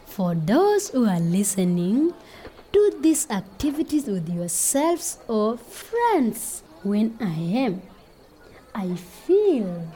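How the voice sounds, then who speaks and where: A woman's voice: fairly high pitch, sing-song, slow, dark tone, a little hiss or hum, low-quality recording. A woman teaching a group of children, speaking in an encouraging, sing-song way. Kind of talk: children's lesson.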